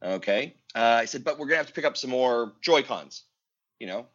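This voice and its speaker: A Canadian man co-hosts a casual podcast, telling a story with lively swings in pitch and acting out each side of a conversation. His voice is bright, and the audio sounds dull and lo-fi. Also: fairly quick. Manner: animated storyteller, acts out dialogue. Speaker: podcast co-host.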